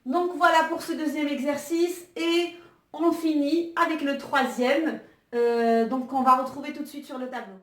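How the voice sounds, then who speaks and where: A woman teaching an online Arabic lesson, patient and unhurried, her explanations often broken by little hesitations. Her voice sits high, and it comes from a distance in a room with a noticeable echo. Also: steady tone, a bit bright.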